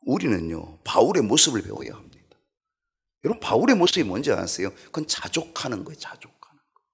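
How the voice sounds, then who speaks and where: A middle-aged male pastor preaching a sermon in an animated way, asking the congregation questions. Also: mid-range voice, fairly quick, creaky, husky.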